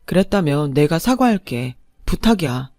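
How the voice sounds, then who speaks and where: A woman's voice: sits low, sing-song, normal speed, darkish tone, no echo, clean studio sound. A woman voicing an angry ex-husband who scolds and then begs. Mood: pleading. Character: angry ex-husband, adult man, blustering then pleading.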